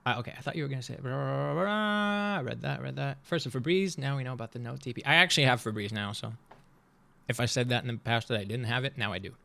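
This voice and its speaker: Fast and gravelly, this medium-pitched voice belongs to a man in his thirties chatting on a live stream. He jokes and rambles as he reacts to a video, his loudness rising and falling.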